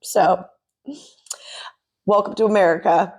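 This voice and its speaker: A woman's voice: mid-range voice, fairly even intonation, slow pace, a little mellow. A woman giving opinionated commentary, exasperated and sarcastic. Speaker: commentary vlogger.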